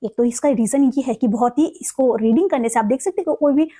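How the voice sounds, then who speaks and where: A woman explaining poetic meter in a recorded lesson, mixing Hindi and English, and stretching out syllables slowly when she reads example lines. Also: a little high, mellow. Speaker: teacher.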